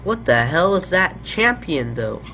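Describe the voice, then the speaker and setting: A man's voice: high voice, very animated, a little slow, sharp tone, muffled recording, soft background music. A young man with a sore throat giving casual commentary as he plays a video game.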